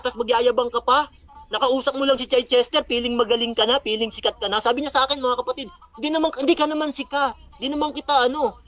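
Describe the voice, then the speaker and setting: A man's voice: very high-pitched, bright, forceful tone. A man acting as a religious debater, mockingly recapping a debate, taunting his opponent and citing Bible verses.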